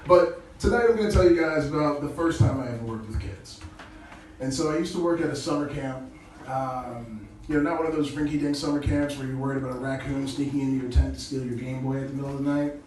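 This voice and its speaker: A male stand-up comedian with a casual, crude delivery who chuckles at his own jokes, heard through low-quality stream audio. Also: a little fast, darkish tone. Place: small comedy club stage. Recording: echoey low-quality stream from far off with noise.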